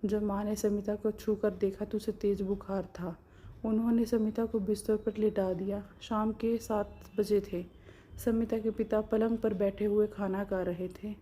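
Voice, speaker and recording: A woman narrating a story in a calm, steady reading manner. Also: medium pitch, measured pace, a little hiss or hum.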